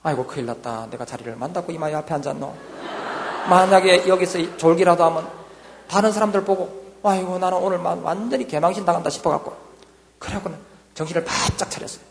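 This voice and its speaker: A man in his sixties with a Gyeongsang accent, a church deacon giving a lively testimony and acting out voices of himself and his wife. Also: high voice, fast talker, gravelly, long reverb tail, slight background noise. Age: 60s.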